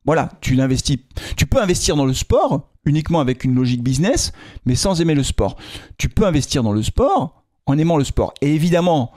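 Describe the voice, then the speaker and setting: Male video commentator, casual and jokey, talking straight to his viewers; bright, expressive delivery in a dry booth. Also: fairly high pitch, brisk, no room sound. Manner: chatty and joking, addresses viewers directly; frequent fillers and restarts. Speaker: football club video commentator.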